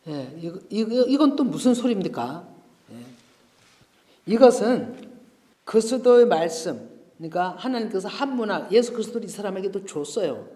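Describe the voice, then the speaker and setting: A man preaching a Sunday sermon as pastor, speaking straight to the congregation in an expressive way. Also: high voice, normal speed. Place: church sanctuary. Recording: echoey church hall.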